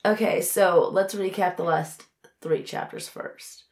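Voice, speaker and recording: A woman's voice: lowish voice, fairly even intonation, a little slow, a little mellow. A woman co-hosting a podcast in casual chat, her voice stuffy from a blocked nose. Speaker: podcast co-host.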